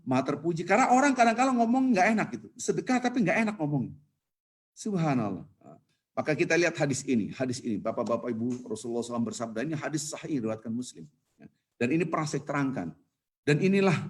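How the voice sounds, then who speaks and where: A man preaching in a mosque in a lively, colloquial way, reciting Arabic scripture and acting out the people in his examples. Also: a little high. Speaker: Islamic preacher. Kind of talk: casual preaching.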